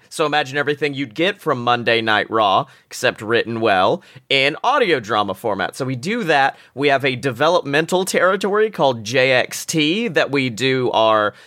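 A man's voice: mid-range voice, bright, forceful tone, no room sound, clean studio sound. A man chatting casually as a podcast guest, informal and jokey. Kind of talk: casual interview chat.

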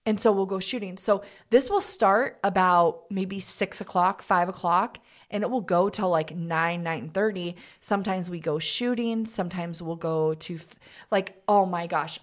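A young adult woman co-hosting a casual podcast, animated and full of fillers as she chats. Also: on the low side, moderate pace. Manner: animated, bubbly, lots of fillers. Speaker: podcast co-host. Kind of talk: casual chat.

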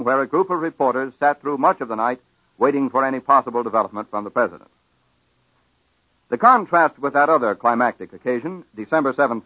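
An American man reading wartime news bulletins in a formal, measured 1940s radio newsreel manner, on an old broadcast recording. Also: medium pitch, pushed and bright, no echo, highs cut off. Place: radio news studio, dry sound.

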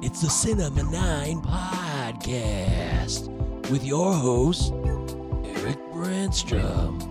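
A man's voice: a little high, sing-song. A man giving a dramatic movie-trailer style intro for a podcast. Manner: dramatic, drawn-out trailer delivery. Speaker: announcer. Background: music.

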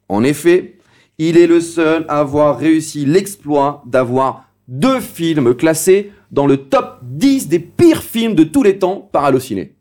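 Un homme qui anime un jeu radio, lisant les énigmes avec emphase théâtrale. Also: male voice, fairly high pitch, a little mellow. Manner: theatrical, drawn-out riddle reading. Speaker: game show host. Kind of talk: radio quiz hosting.

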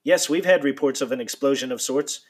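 A man's voice: mid-range voice, a little fast, husky, close to an everyday voice. A man voicing a matter-of-fact, uncertain male police duty officer in a read-aloud account.

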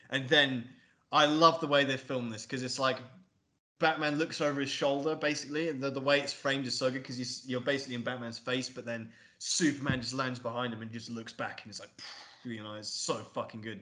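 A man co-hosting a podcast, chatting casually about a film in a rambling, excitable way with lots of swearing. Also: medium pitch, brisk. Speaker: podcast co-host. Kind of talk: casual film review chat.

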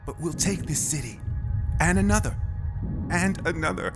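A man's voice: fairly high pitch, animated, moderate pace, over music, lightly acted. An actor playing a smug captive enemy pilot who taunts and laughs at his captors. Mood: mocking. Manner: sneering, taunting, laughing at others.

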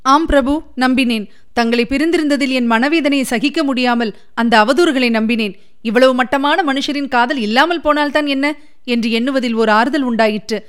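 A woman reading a storybook part of a tender, anxious young woman who pleads earnestly, a little higher than her narrating voice. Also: moderate pace, smooth, natural voice. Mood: confessing.

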